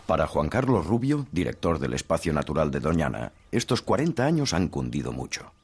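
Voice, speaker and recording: A man's voice: very deep voice, big pitch swings, brisk, a little hiss or hum. A man with an accent from Spain reading scripted documentary narration. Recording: music behind the voice.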